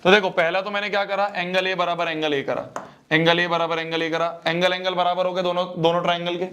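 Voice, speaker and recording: A man's voice: high-pitched, little pitch movement, brisk, fairly bright tone, dull audio. A young man teaching a math exam-prep lesson, repeating phrases and checking that students follow.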